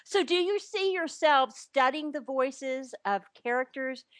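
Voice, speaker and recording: A woman interviewer reading listener questions aloud in a measured way. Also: high voice, a bit bright, no room sound. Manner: measured, reads questions out clearly.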